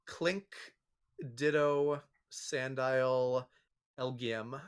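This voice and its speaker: A young man as a guest in a casual gaming chat, thinking aloud with fillers and making squeaky sound effects. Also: fairly even intonation, very slow, smooth.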